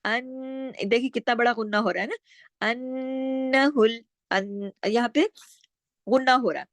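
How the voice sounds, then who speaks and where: A woman teaching Quran recitation rules, explaining step by step, asking and answering her own questions, and drawing out words slowly when she recites. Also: fairly high pitch, no room sound. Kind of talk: tajweed lesson with slow recitation.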